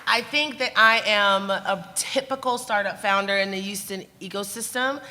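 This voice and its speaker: A woman from Jamaica moderating a live panel, enthusiastic and asking lively questions. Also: medium pitch, moderate pace, a loud crowd, very noisy. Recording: long reverb of event hall.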